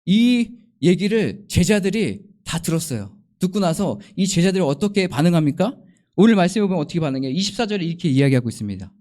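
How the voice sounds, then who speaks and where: A man's voice: fairly high pitch, dark tone. A male pastor preaching a Sunday sermon, asking the congregation many questions and acting out the disciples' and Jesus' words. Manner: acts out quoted speech of disciples and Jesus.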